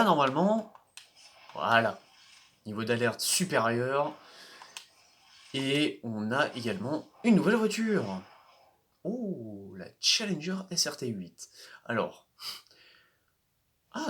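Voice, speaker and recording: A man's voice: medium pitch, a bit bright. A man giving casual, hesitant commentary while playing a racing game, often restarting his sentences and chuckling. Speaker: gaming video host.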